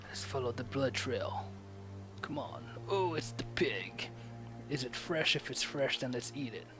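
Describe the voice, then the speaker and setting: A young man streaming a story game live, joking and reacting loudly with muttered asides. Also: mid-range voice, expressive, unhurried. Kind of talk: casual live-stream commentary. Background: game music.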